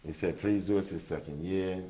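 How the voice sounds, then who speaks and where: A man hosting a casual call-in livestream show, talking loosely with many pauses. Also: low-pitched, fairly even intonation, mellow. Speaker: livestream talk show host.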